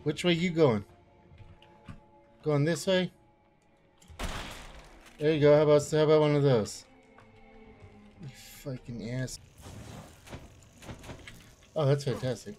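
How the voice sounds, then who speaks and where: A man giving let's play commentary, muttering to himself and bursting into swearing yells. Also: fairly high pitch, takes it slowly, pauses often, faint music behind. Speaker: gameplay streamer.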